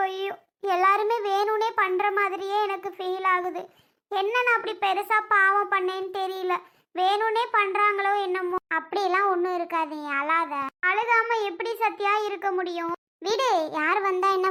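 A woman voicing chatty, high, bright women relatives. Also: steady tone. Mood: tearful. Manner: chatty, quick, exclamatory. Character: bickering, tearful women relatives at a family function. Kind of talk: family skit acting.

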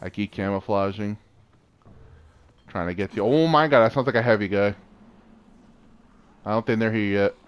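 A man with a fairly low voice chats casually while playing a co-op game, often exclaiming and laughing. He speaks smoothly at a moderate pace, with long pauses.

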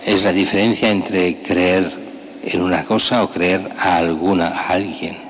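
A man's voice: deep voice, steady tone, a little slow, fairly bright tone. An older man, a priest, preaching a homily at a lectern in a large church, with a conversational, emphatic way of talking and pointed rhetorical questions. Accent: Spanish. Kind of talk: sermon. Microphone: gooseneck lectern mic. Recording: long church reverb, faint hiss.

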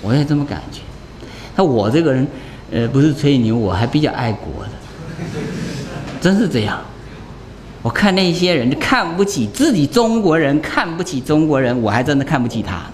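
A man's voice: mid-range voice, a little mellow, a little hiss or hum. A man, a Buddhist monk, giving a conversational dharma lecture, talking in a chatty way and often tossing rhetorical questions to his listeners.

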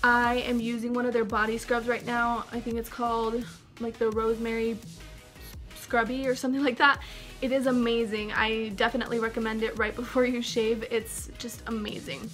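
A woman's voice: a little high, flat delivery, moderate pace, a bit bright, faint music behind. A young woman with a Valley girl accent, chatting casually and upbeat to her vlog viewers, full of likes and ums. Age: young adult. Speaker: vlogger.

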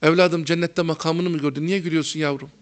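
A man voicing a gaunt, always-gloomy old male teacher who speaks softly, tut-tutting and sighing in disapproval. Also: fairly high pitch, steady tone, quick pace, natural voice. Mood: gloomy, disapproving.

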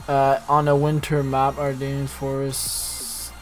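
Young man, gaming YouTuber, casual slangy commentary, excitable, rambling, faint background music. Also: mid-range voice, takes it slowly.

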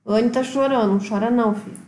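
A woman with a slightly high voice, casually reading out viewer comments during a livestream and teasing back. The sound is roomy, with echo from the home space around her. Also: fairly even intonation, fast, darkish tone, slight background noise. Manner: reads viewer comments aloud, playful banter. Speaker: mother co-hosting a game livestream. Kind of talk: casual live-stream chat.

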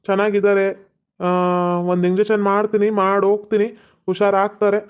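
A man's voice: sits high, flat delivery, moderate pace, clean tone, close to an everyday voice. A man voicing a boastful, reassuring village doctor in a cartoon. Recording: dull lo-fi sound.

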